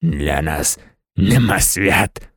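A man reading an audiobook, voicing a menacing male robber in a low, hushed hiss. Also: animated, extremely slow, breathy edge, no echo, studio quality, exaggerated voice. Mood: mocking. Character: menacing adult male robber, hissing threats.

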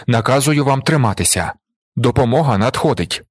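A blinded young emperor, calm and commanding, speaking in steady measured phrases, as a male audiobook narrator voices him. The voice is husky and mid-pitched, recorded dry and close. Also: dry recording, close to an everyday voice.

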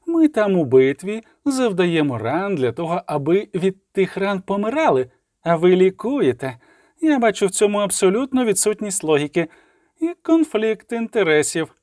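Guy playing a cruel elf warrior, slow menacing drawl, voice pushed up a bit. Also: high voice, big pitch swings, a little mellow, no echo, clean studio sound, pitched above the performer's own voice. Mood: sneering. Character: cold cruel tall male elf warrior.

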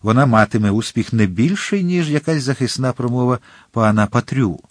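A pedantic, insistent Jesuit priest, as a man reads him. He lectures in a lively, rising and falling voice. It is recorded dry and close, an audiobook with no room sound. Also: mid-range voice, normal speed, dry recording, natural voice. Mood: stern lecturing.

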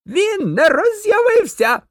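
A man's voice: very high-pitched, very animated, slow, a bit bright, no echo, clean studio sound, voice pushed up, exaggerated voice. A man voicing a furious, spiteful male professor who rants and shrieks in an audiobook. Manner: shrieking, ranting. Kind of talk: audiobook character voice.

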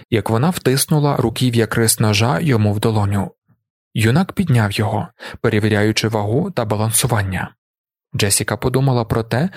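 A man narrating an audiobook with a steady, even reading. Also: medium pitch, no echo, clean studio sound. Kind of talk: scripted narration.

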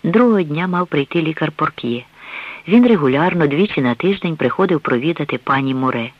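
A man's voice: on the high side, no room sound. Man narrating a novel on radio. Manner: even, measured storytelling. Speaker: audiobook reader. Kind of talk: scripted narration. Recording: dull dry radio recording.

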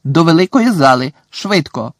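A stern older female deputy headmistress, voiced by a man reading a storybook. She snaps out commands in a sharp, scolding tone, set somewhat higher and louder than the reader's own voice. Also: animated, moderate pace, no echo, studio quality. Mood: stern commanding.

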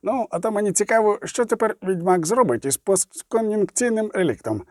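A man voicing a gruff, blunt male dwarf leader in an audiobook, mocking and quick to swear. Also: high voice, lively intonation, no echo, studio quality, pitched above the performer's own voice. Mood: sardonic. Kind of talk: audiobook reading.

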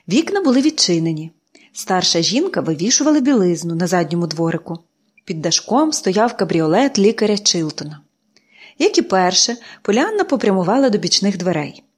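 A woman's voice: medium pitch, darkish tone, breathy edge. Woman reading a novel aloud. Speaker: audiobook narrator. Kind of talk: scripted narration.

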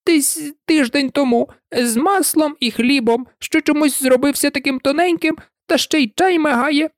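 A woman's voice: high voice, normal speed, no echo, studio quality, pitched above the performer's own voice, lightly acted. A woman voicing a timid male hatter who pleads in a trembling voice in a storybook reading. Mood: nervous pleading. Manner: nervous, pleading.

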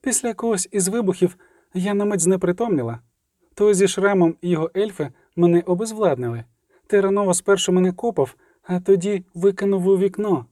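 Знесилена чаклунка у виконанні чоловіка-читця говорить розгублено й важко, високуватим темним голосом. Без відлуння, сухо. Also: male voice, high voice, a little fast, dark tone, dry recording, clean studio sound, close to an everyday voice. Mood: shaken. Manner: weary, shaken, recounting. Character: wounded, exhausted female sorceress.

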